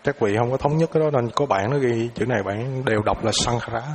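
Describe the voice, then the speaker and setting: A man teaching a dharma class who takes questions, speaking in a relaxed way and often repeating words as he searches for them. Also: medium pitch, quick pace, a little hiss or hum.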